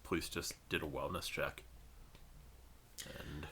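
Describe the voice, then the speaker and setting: A man's voice: a bass voice, steady tone, slow pace, bright, forceful tone, slight background noise. A man co-hosting a podcast, chatting casually with dry jokes. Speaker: podcast co-host. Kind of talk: casual chat.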